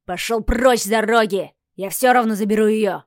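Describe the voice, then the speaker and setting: A woman's voice: medium pitch, normal speed, no room sound, studio quality, close to an everyday voice. A woman voicing a cruel, arrogant count, a jealous husband who snarls and gives orders. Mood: furious. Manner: snarling, commanding.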